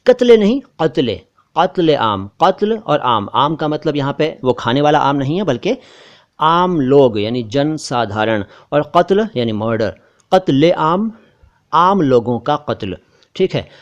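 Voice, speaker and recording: A man's voice: fairly high pitch, animated, dull audio. Man teaching pronunciation, patient. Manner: patient, stresses and repeats words slowly. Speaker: language teacher. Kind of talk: explaining song lyrics and pronunciation.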